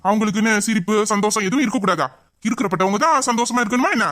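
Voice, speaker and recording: A young man voicing a protective college student, fierce when scolding and soft when reassuring. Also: high-pitched, fast, natural voice. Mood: angry. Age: young adult. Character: protective young college man, hot-tempered yet tender.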